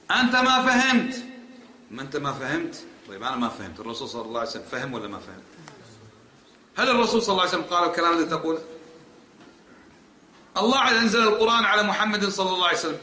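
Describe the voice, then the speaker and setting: In an echoey hall, a religious teacher gives a lecture on creed, driving his points home with emphatic rhetorical questions. His voice is slightly high, pushed and bright, with a faint hiss or hum in the recording.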